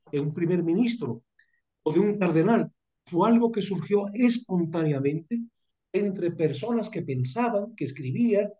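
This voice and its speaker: A man's voice: high-pitched, warm tone, lo-fi sound. An older man with a Mexican Spanish accent leading a university seminar, speaking in a thoughtful, digressive way and coughing from a cold. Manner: thoughtful, digressive, pausing and restarting phrases. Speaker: seminar leader.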